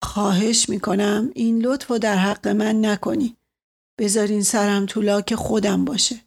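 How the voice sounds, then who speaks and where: A woman's voice: medium pitch, fairly even intonation, natural voice. A woman reading a sour old colonel. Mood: curt, sour. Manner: curt, sour, spoken quietly. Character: bitter, irritable older male colonel, a father. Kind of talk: audiobook character voice.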